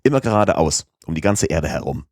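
A man voicing a talkative, excitable French manservant in an audiobook reading, his voice rising higher when he gets emphatic. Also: brisk, no room sound, studio quality, heavily acted. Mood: chatty. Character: chatty, excitable French manservant, stubborn and proud. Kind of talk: audiobook character voice.

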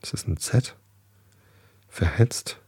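Deep gravelly man reading aloud. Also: fairly even intonation, unhurried, mellow, no echo. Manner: stumbles over words and corrects himself. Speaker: reader. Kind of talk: reading a children's book aloud with casual asides. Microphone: desk microphone.

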